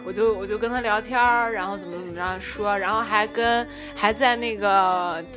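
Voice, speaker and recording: A young woman hosting a casual podcast chat, telling a story in an animated way and acting out what others said. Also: mid-range voice, moderate pace, over music. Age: young adult. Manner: animated storyteller, acts out quoted dialogue. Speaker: podcast host.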